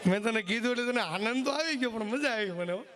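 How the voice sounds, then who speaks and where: A man's voice: very high voice, lively intonation, fast talker, a bit bright. A man telling jokes live on stage, teasing the crowd and checking they follow. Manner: chatty, teasing the crowd, asks "samjya?". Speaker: stage comedian. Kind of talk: live folk comedy storytelling.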